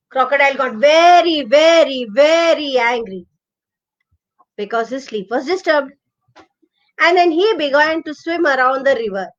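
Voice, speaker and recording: Over a muffled recording, a high-voiced woman with an Indian accent reads a bedtime story for kids. Her delivery is expressive, with words drawn out and said again to stress them.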